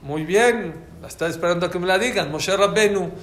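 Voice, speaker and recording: A man teaching a lively religious class, telling stories and quizzing his listeners. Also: high-pitched, a little fast. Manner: animated storytelling, quizzes listeners. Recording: echoey room, faint ambience.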